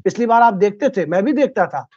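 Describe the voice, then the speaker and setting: A man's voice: high voice, expressive, a little fast, a little mellow, husky, dull audio. A man speaking as a political commentator on a panel, arguing his case with folk idioms and rhetorical questions.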